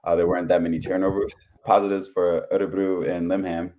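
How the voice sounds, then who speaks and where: A man's voice: low-pitched, flat delivery, a little fast, dark tone. A man co-hosting a sports podcast, giving casual analysis of games. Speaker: podcast co-host.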